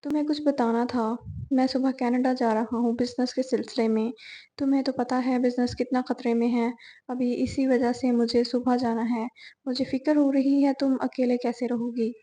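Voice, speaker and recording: A woman's voice: a little high, little pitch movement, normal speed, dark tone, lightly acted. A woman reading a worried loving father. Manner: tender, worried. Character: worried loving father, middle-aged businessman.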